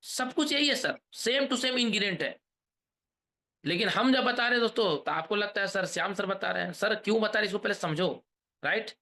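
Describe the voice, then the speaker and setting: A man in his thirties giving an energetic sales pep talk on a video call, rousing the audience with questions and chants. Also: sits high, normal speed. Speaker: motivational trainer.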